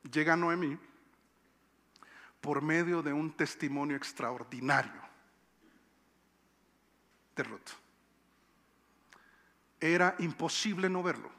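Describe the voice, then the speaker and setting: A man's voice: on the high side, slow pace, long pauses, sharp tone. A male pastor with a Colombian Bogotá accent, preaching a conversational sermon and repeating phrases for emphasis. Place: church sanctuary. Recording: long church-hall reverb.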